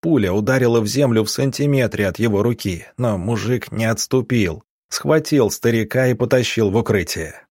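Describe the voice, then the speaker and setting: A man reading an audiobook in a measured, steady storytelling voice, recorded on a close studio mic. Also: on the low side, slightly rough, dry recording. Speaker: audiobook narrator. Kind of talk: scripted narration.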